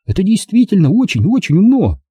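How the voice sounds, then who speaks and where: A man voicing an excitable, caring young girl in a storybook reading, with high urgent cries. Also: brisk, husky, no room sound, exaggerated voice. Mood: eager.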